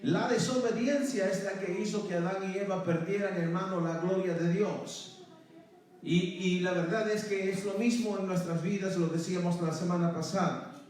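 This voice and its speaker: A man's voice: high voice, steady tone, normal speed, a little mellow. A male pastor preaching a sermon to his congregation, often calling them "hermano" and breaking into praise. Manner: calls out to the congregation, repeats "hermano" and praise phrases. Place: church sanctuary. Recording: very echoey church hall from far off.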